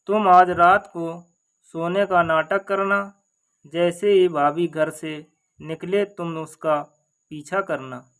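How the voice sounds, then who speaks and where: A man's voice: high-pitched, fairly even intonation, takes it slowly, fairly bright tone, heavily acted. A man voicing a practical, loyal village friend in a folk story, speaking earnestly.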